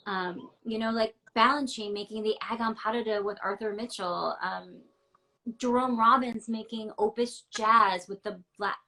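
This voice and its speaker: Her voice sits on the high side, with fairly even intonation, normal speed and a sharp tone, though the audio is poor. A ballet dancer, she's the guest in a casual video-call interview from her ground floor apartment, speaking frankly and emphatically with many "like"s and "um"s.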